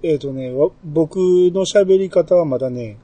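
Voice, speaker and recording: A man with a Kansai accent hosting a casual podcast chat, relaxed and chatty, with many fillers and small laughs. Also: fairly high pitch, measured pace, no echo. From Kansai, Japan. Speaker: podcast host.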